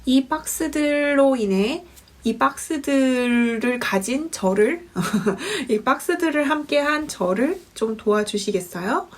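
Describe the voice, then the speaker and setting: A woman teaching an English lesson, repeating example sentences slowly and clearly. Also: high-pitched, animated. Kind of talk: language lesson.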